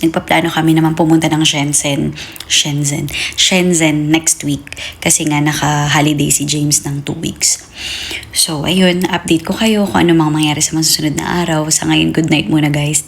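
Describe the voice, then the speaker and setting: A woman vlogger and new mother chatting casually about her days, with many fillers and self-corrections. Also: slight background noise. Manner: high, playful baby talk to her daughter. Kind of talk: casual vlog chat. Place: home in Hong Kong.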